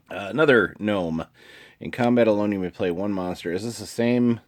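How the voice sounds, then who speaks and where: A man hosting his own channel, casually reading card text aloud with short asides and chuckles. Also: fairly low pitch. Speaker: channel host reviewing card game cards.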